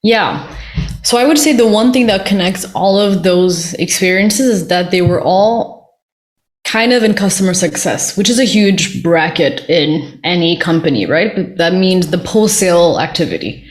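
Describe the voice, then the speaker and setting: A young woman from Ethiopia, a guest on a podcast, talking in a relaxed conversational way over a remote call. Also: on the low side, moderate pace. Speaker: podcast guest, career coach. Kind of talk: casual interview conversation.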